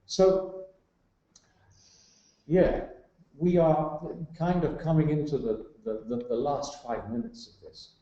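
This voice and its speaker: A man with a fairly high, dark-toned voice speaks as a guest on leadership in an explanatory talk. Animated yet slow, with long pauses, he builds emphatic lists of examples and uses some fillers; the sound is roomy and muffled.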